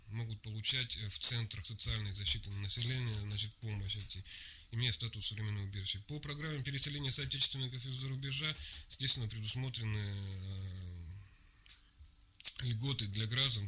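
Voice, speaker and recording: A man gives formal, bureaucratic answers as a guest in a radio interview. He pauses and hesitates often. His voice sits a little low and sounds very bright and forceful. Faint noise runs behind him. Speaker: migration service official.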